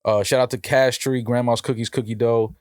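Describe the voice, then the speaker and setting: A man's voice: medium pitch, flat delivery, brisk, a little mellow, no room sound, studio quality. A man co-hosting a podcast in casual, slangy talk, repeating phrases for emphasis. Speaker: podcast co-host.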